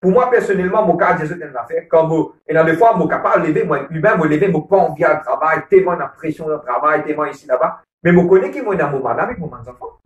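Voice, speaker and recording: This Mauritian Creole-accented man talks fast about marriage at a church gathering, his voice on the high side with lively intonation. A married churchgoer on a couples program, he keeps repeating himself and checking in with "ok?" in a casual, earnest way. The audio is dull, with a far-off mic and roomy echo.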